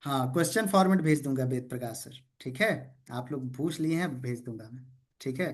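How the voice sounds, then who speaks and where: Energetic male trainer on a video call. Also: mid-range voice, brisk. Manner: energetic call-and-response, keeps checking in with "okay?"; playful teasing of participants. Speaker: sales trainer. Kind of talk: interactive online training session.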